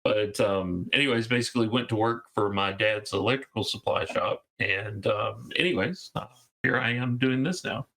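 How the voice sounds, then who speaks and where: A fifty-something game designer from Georgia, USA, chats casually as an interview guest, rambling with fillers and restarts. His voice is fairly low and sharp in tone, at a normal speed.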